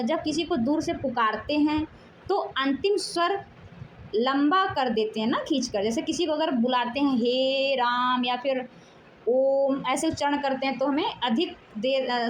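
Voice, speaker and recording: A woman's voice: high voice, animated, a little hiss or hum, low-quality recording. A woman teaching a Hindi grammar lesson, explaining step by step, stretching out sounds and asking questions that she answers herself. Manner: explanatory, drawn-out syllables, asks questions then answers.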